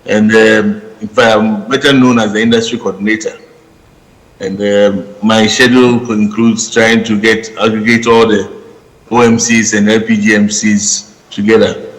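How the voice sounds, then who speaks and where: A man, joining a conference panel remotely and introducing himself with many hesitant pauses. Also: lowish voice, level tone, fairly bright tone, big-room sound, rough recording. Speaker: panelist, industry association chief executive. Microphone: remote call audio.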